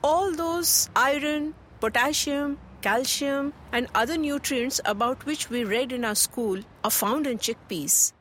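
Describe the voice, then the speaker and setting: A woman's voice: high voice, unhurried, few pauses, a bit bright, a little hiss or hum. A woman with an Indian accent playing a helpful, health-conscious mother in a scripted chat, instructive and mixing Hindi into English. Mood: chatty, helpful. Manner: chatty, instructive, Hindi-English code-switching. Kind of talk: scripted conversational dialogue. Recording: music bed under the voice.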